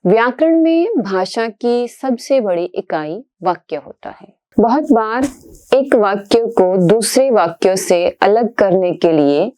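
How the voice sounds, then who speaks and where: A woman narrating an online language lesson in a measured, formal explanatory manner. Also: medium pitch, warm tone, no room sound.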